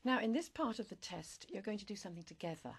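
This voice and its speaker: A woman examining candidates in a speaking test, asking scripted questions in a measured, formal and polite way. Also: medium pitch, sing-song, a little hiss or hum.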